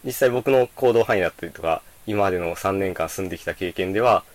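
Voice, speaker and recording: A young man from Tottori answers interview questions in a casual, thoughtful way, with hesitant fillers along the way. His voice sits very low, and he talks fast. The recording is dry, with no echo.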